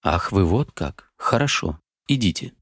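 A man's voice: low-pitched, big pitch swings, measured pace, a bit bright, slightly rough, dry recording, clean studio sound, exaggerated voice. A man reading an audiobook, voicing a passionate, desperate young man who pleads with feeling. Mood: furious. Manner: pleading, impassioned.

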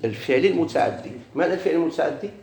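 In a racing, slightly high and somewhat mellow voice, a man with a Moroccan Arabic accent teaches grammar. He answers his own questions and repeats important words, captured in an echoing room with light noise.

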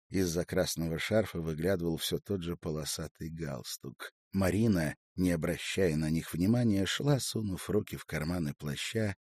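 A man narrating a novel in a measured, even storytelling manner. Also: sits low, no room sound, clean studio sound.

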